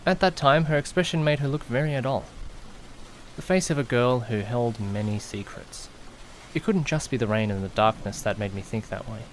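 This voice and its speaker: Narrating tensely in the first person, a man plays an easily panicked, anxious young man in an audio drama, recounting his misadventure with acted dialogue and dramatic self-questioning. His mid-range voice is natural and at normal speed, with slight background noise.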